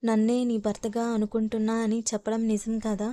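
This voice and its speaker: A woman's voice: a little high, monotone, fairly quick, dark tone, no echo, lightly acted. A woman voicing a pushy, insistent young man in a storybook reading, in a coaxing, pressing way.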